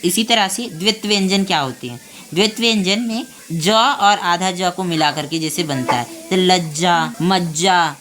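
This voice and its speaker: A woman teaching a grammar class online, explaining step by step and pausing to check the class is following. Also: fairly low pitch, a bit bright. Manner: spells out sounds slowly, one by one.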